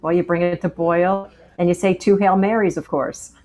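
Guesting on a faith show, this Pennsylvania woman shares her personal testimony in an earnest, anecdotal way, frequently starting over and repeating words. She speaks at a moderate pace in a fairly low, steady, darkish voice.

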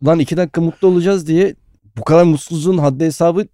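A man co-hosting a podcast, telling playful bits in an animated, casual way. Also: a little high, very fast, dry recording, studio quality. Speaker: podcast co-host. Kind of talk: casual comedic chat.

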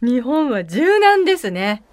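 A woman's voice: high voice, very animated, takes it slowly. A woman co-hosting a radio talk show, reacting with short, surprised questions. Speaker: radio co-host. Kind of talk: casual radio chat.

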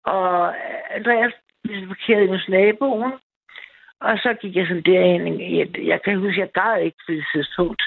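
A woman's voice: lowish voice, fairly even intonation, creaky, breathy edge. A woman calling in to a night radio show, telling a personal story in a rambling, eager way with many restarts. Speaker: caller. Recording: tinny phone line.

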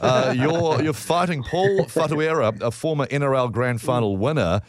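A man's voice: medium pitch, normal speed, dry recording. A man hosting a casual breakfast radio interview. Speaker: radio host.

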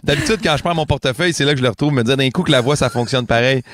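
A man's voice: mid-range voice, a bit bright, no echo. A man with a Québécois accent delivering a joking comic monologue on morning radio, poking fun at himself. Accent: Québécois French. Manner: joking, self-mocking, quick asides. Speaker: radio comedy columnist. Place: radio studio.

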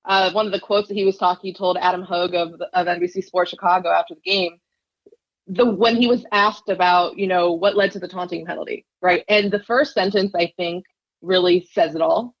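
A woman guest on a sports podcast, speaking conversationally with halting restarts and a tone of disbelief. Her voice comes through a dull, lo-fi line, and it is close and dry with no room sound. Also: fairly low pitch, steady tone, no room sound. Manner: conversational, many fillers and restarts, incredulous. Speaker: managing editor, podcast guest. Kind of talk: casual sports talk.

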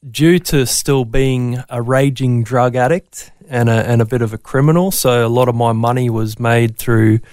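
A man's voice: medium pitch, fairly even intonation, normal speed, hardly any pauses, a little mellow, no room sound, clean studio sound. A man from Brisbane with a Queensland Australian accent, telling his story casually and a little hesitantly as an interview guest. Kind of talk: casual personal testimony in interview.

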